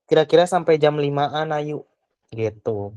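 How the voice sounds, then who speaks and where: A young female tutor teaching a child online has a low-pitched, mellow voice and a slightly slow pace. She's patient, full of questions, and trails off with "gitu," in a dry recording with dull audio.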